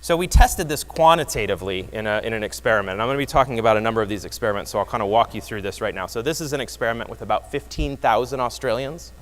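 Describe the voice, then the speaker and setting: A man giving a lively, wry conference talk that explains research results, often restarting his phrases. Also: mid-range voice, rapid-fire, few pauses. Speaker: presenter. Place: conference hall. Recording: long hall reverb.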